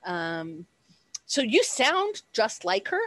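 A woman's voice: on the high side, very animated, slow, a bit bright, no echo, poor audio. A woman game master narrating a tabletop game over a headset on a video call.

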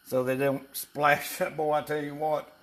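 A man's voice: on the high side, flat delivery, unhurried, fairly bright tone. An older man with a Southern US accent, chatting casually and telling folksy, rambling stories while cooking in a home kitchen, picked up by a camera a few feet away. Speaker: cooking show co-host.

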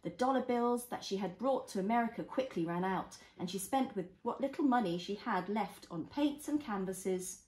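Mum reading to a toddler, roomy echo. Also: female voice, mid-range voice, moderate pace, few pauses. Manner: reading to a toddler: expressive, simple explanations, prompting questions. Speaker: mother reading a picture book to a child. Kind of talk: reading a storybook aloud to a young child. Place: indoors, small living room at home. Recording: roomy echo of a home room.

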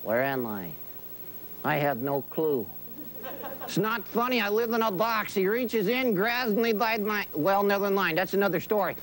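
Casting: a wisecracking ventriloquist dummy, cocky and heckling, pitched way up with lively swings. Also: male voice, moderate pace. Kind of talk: ventriloquist comedy routine. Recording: noisy old TV videotape audio.

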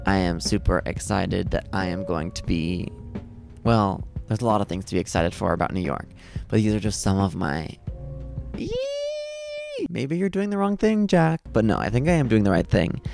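A young man vlogging from his parents' house in a low, gravelly voice. He talks casually and pokes fun at himself, calling his delivery monotone. Soft music plays underneath. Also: a little fast. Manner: self-deprecating, calls his own voice monotone. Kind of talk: casual vlog talk to camera.

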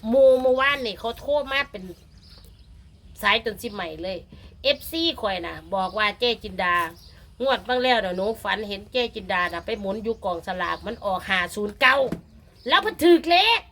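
A middle-aged woman with a Phu Thai Isan accent, chatting to viewers loudly and teasingly with lots of laughter. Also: medium pitch, moderate pace, a little hiss or hum. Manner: loud, laughing, teasing, animated storytelling. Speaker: vlogger challenging a lottery rival. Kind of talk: casual chat to viewers.

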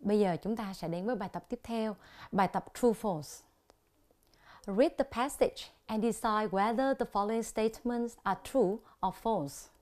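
A woman from Vietnam teaching an English lesson on television, speaking with a Vietnamese accent and slowly drilling the pronunciation of English words. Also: mid-range voice, darkish tone.

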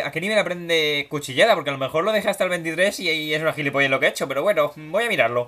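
A young man gives casual, playful commentary while playing a video game. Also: sharp tone. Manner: playful, voices game characters in silly high tones. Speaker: gaming YouTuber. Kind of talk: casual Let's Play commentary. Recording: game music behind voice.

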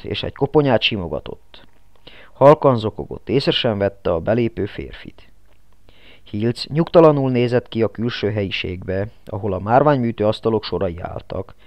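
A man narrating an audiobook in steady, scripted storytelling. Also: on the low side, dry recording. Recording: dull lo-fi, dry.

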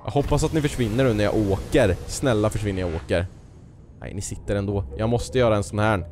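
Jumpy, excitable man gaming. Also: lowish voice, slight background noise. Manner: excitable and jumpy, sudden nervous outbursts and exclamations; talks to the game creatures, jokes and mutters to himself. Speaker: gaming video host. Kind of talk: let's play commentary.

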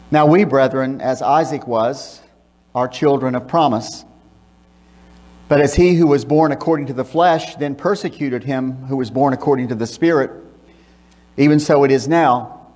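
An older man, a pastor, preaches a sermon from the pulpit of a church sanctuary, reading scripture and praying in a measured, emphatic way. His mid-range voice is a little mellow. A pulpit microphone picks him up, a far camera films him, and the recording has long church reverb.

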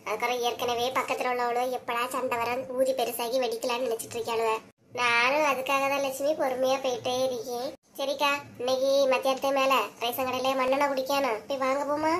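A high, girlish-sounding village woman voiced by a woman for a cartoon, with a thick Kanyakumari Tamil accent. She gossips, scolds and teases her relatives in a quick, chatty way. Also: flat delivery, a bit bright. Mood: calm. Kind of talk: cartoon voice acting.

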